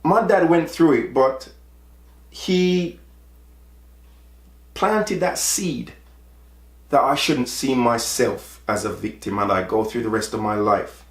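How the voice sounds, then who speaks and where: A man's voice: mid-range voice, takes it slowly, long pauses, reverberant. A man in his forties from Jamaica, talking earnestly about his own life and often repeating words as he presses a point. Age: 40s. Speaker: podcast host. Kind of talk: personal monologue.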